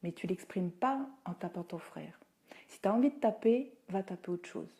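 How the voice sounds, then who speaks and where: Woman, parenting coach, mellow tone, chatty live Q&A, talks with lots of "euh". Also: mid-range voice, expressive, normal speed. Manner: chatty, answers viewers' comments, many fillers; acts out what she tells children. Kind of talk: Facebook live Q&A, casual advice. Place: at home.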